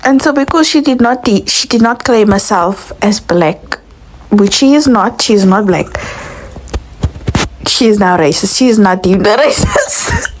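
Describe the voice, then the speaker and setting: A woman's voice: mid-range voice, expressive, unhurried, background noise. A woman giving reaction commentary in an exasperated, ranting way.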